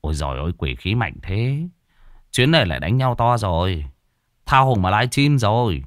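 A man's voice: on the low side, sing-song, normal speed, no room sound, clean studio sound. A man voicing a goofy, boastful exorcist with an exaggerated, showy manner. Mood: excited.

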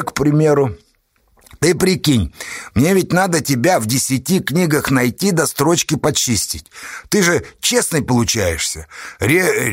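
A sly, fussy clerk , as a man puts him on in an audiobook, coaxing and wheedling in a raised, lively voice. The sound is close and dry with a husky edge. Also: a little high, no room sound. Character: shrewd lazy male clerk, sly and fussy.

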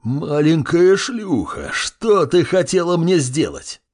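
A man's voice: mid-range voice, wildly swooping pitch, normal speed, gravelly, dark tone, husky, full character voice. Man voicing a sneering bald fire-wielding brute. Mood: enraged. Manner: sneering, bellowing threats.

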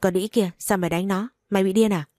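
A woman's voice: mid-range voice, fairly even intonation, quick pace, dark tone, no echo, studio quality, lightly acted. A woman voicing a scheming, scolding older mother-in-law in a storybook reading.

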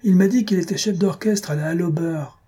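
A furious old concierge blusters and bellows, put on by a man reading the tale. The voice is pushed high and hoarse-edged, with a dark, husky grain. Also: brisk. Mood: angry accusing. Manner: blustering, accusing. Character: irascible shouting old male concierge.

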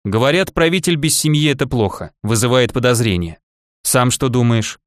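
A shy thirty-year-old ruler and former soldier talks in a self-deprecating, gently ironic way, as a male audiobook reader voices him. His voice sits in a middle register. The sound is dry and close to the mic. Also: mid-range voice, lively intonation, normal speed, no room sound, close to an everyday voice. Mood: rueful.

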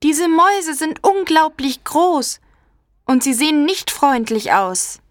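A young girl in a storybook reading, small and easily frightened, with a high, clear voice, played by a woman. The recording is dry and close. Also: expressive, takes it slowly, no echo. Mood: anxious. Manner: anxious, wondering.

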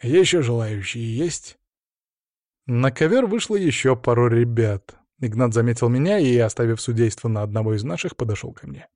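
Brief: male first-person audiobook narrator, steady and measured, mid pitch, dry close-mic sound. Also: no room sound.

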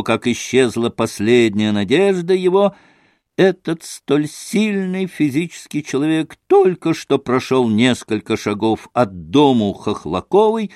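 A man narrating a classic novel audiobook in a dramatic, highly expressive way. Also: no room sound, clean studio sound. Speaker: audiobook reader.

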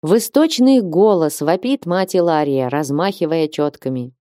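A woman reading a classic novel aloud in a measured, expressive narration. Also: deep voice, no echo, studio quality. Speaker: audiobook reader. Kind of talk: literary narration.

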